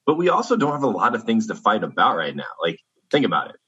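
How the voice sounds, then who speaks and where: Deep husky guy on a dull lo-fi call, earnest and laid back. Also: huge pitch swings, quick pace, bright, forceful tone. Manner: earnest, reflective, easygoing. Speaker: podcast co-host. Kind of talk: casual chat over a video call. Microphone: video call.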